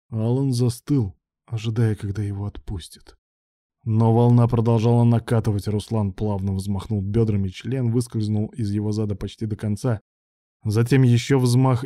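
A man narrating a romance audiobook in a steady, even storytelling read. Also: on the low side, no room sound, clean studio sound. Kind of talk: scripted narration.

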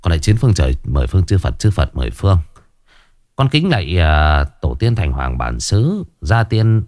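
A man playing a clumsy, earnest young night guard rambles through his prayers in rough, folksy speech. His low voice rises and falls a lot. It sounds close and dry in a spoken ghost story. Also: sing-song, moderate pace, a little mellow, no room sound. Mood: praying.

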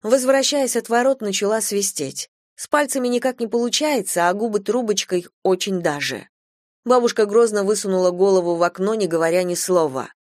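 A woman calmly narrating a storybook in first person. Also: medium pitch, brisk, no echo, studio quality.

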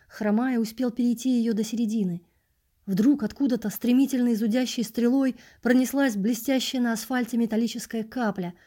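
A woman reads a novel aloud in quiet, measured narration. Her voice is warm and mellow, with a soft, dark tone. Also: fairly high pitch. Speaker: audiobook reader. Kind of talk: scripted narration.

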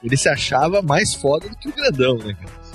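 A man's voice: on the high side, wildly swooping pitch, fast, fairly bright tone, faint music behind. A man with a Brazilian accent, a podcast host telling nostalgic stories in casual chat, with many short restarts. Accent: Brazilian Portuguese.

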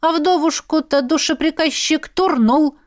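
A woman's voice: sits high, unhurried, pitched above the performer's own voice. A woman voicing a gossipy, grumbling old village woman who rambles in folksy talk.

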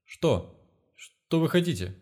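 A man voicing a frightened, pleading elderly male law professor in an audiobook, in a plaintive, higher voice. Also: sing-song, slow, a little mellow, full character voice. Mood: alarmed. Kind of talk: audiobook character reading.

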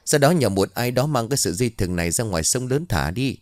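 A man voicing a steady older village man giving firm instructions. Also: mid-range voice, quick pace, dry recording, lightly acted. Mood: urgent.

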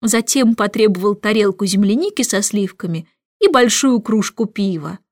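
A woman narrating a children's storybook in a lively, expressive way. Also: medium pitch, moderate pace, dry recording, studio quality. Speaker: audiobook reader.

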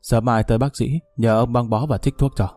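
A man voicing a quiet grieving young friend. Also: mid-range voice, fairly even intonation, fairly quick, dry recording, faint music behind, close to an everyday voice. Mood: calm.

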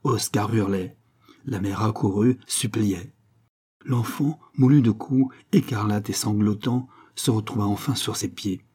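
A man narrating a short story in a measured, dramatic manner. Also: fairly low pitch, dark tone, husky.

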